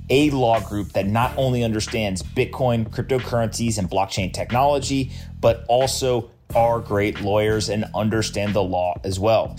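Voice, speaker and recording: A man hosting a podcast, reading a sponsor spot and greeting his guest in an energetic, upbeat way. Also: on the low side. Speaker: podcast host. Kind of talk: casual podcast chat and ad read.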